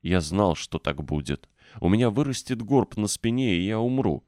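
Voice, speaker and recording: A man's voice: fairly low pitch, expressive, normal speed, a little mellow, no room sound, studio quality, voice pushed up, close to an everyday voice. A man doing a sobbing frightened boy. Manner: sobbing, wheezing, panicky.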